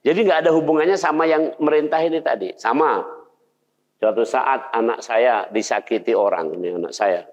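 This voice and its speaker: This is a mid-range male voice at a moderate pace: an older preacher from Indonesia delivering a conversational sermon and questioning the audience. He is in a mosque hall, and the audio is dull with a long-reverb echo.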